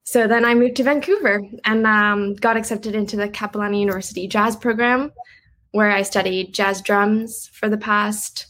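A young woman talking casually about her music in an interview, chatty and quick to laugh, with lots of "like" in her speech. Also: mid-range voice, steady tone, a bit bright, rough recording. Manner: chatty, uses "like" a lot, laughs easily. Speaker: guest musician.

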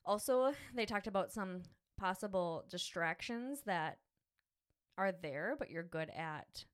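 A woman's voice: on the low side, lively intonation, slow, clear, resonant tone. A woman co-hosting a casual family podcast as a mother, talking in a playful, teasing and encouraging way.

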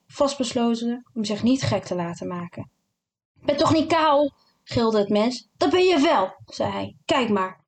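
Calm woman reading a literary novel. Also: medium pitch. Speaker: narrator. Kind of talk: literary audiobook narration.

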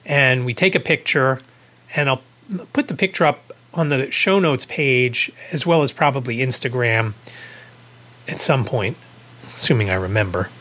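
A man's voice: medium pitch, moderate pace, bright, forceful tone. A man hosting his own podcast, telling a story in a casual, rambling way, correcting himself and chuckling at his own asides. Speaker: podcast host.

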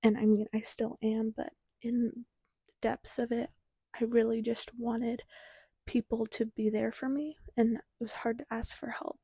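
A woman's voice: on the high side, mellow, slightly rough, no echo. A teenage young woman with a slight lisp from wearing a retainer, hosting a podcast and introducing it in a casual, chatty way. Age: teens. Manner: informal, chatty. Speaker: podcast host.

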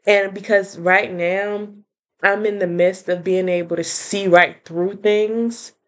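A woman hosting her own podcast, chatting casually and excitedly to her listeners with lots of fillers and laughter. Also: medium pitch, takes it slowly. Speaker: podcast host. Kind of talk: casual solo podcast update.

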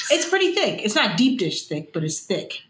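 A woman's voice: mid-range voice, sing-song, moderate pace, a bit bright, a little hiss or hum. Bubbly woman host in an echoey room. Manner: bubbly, laughs often. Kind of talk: casual chat.

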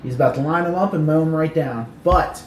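A man's voice: fairly high pitch, a little fast, echoey room, recorded from a distance, a little hiss or hum, poor audio. A man chatting as a podcast guest, joking and playfully argumentative over beers. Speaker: podcast guest, baseball front office staffer. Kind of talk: casual chat over beers.

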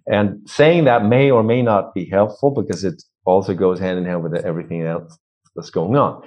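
A man's voice: low voice, fairly even intonation, normal speed. A man working as a vocal coach, explaining technique in an interview and demonstrating points with his own voice. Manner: instructive, demonstrates voice techniques aloud. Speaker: vocal and performance coach, guest. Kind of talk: interview conversation. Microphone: cheap microphone. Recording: dull lo-fi microphone.

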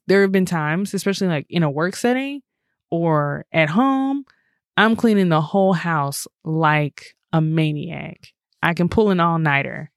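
A woman's voice: deep voice, no echo, studio quality. A woman co-hosting a podcast in casual chat, telling stories with lots of "like" and acted-out quotes. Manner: animated storytelling, acts out quoted dialogue, frequent "like".

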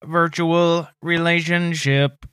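Man putting on a monotone robot voice. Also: a little high, slow pace, smooth, no echo, clean studio sound. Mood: deadpan. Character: flat monotone male robot voice.

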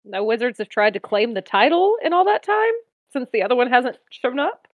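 A woman with a fairly high voice plays a tabletop game. She speaks in casual, joking table chat as one of the players. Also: sing-song, fairly quick, phone-quality sound.

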